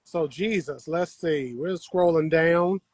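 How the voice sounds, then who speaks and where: A man with a slightly mellow, higher voice takes his time, and the recording has no echo. He hosts an easygoing gardening livestream, talking with viewers as he works soil on a patio.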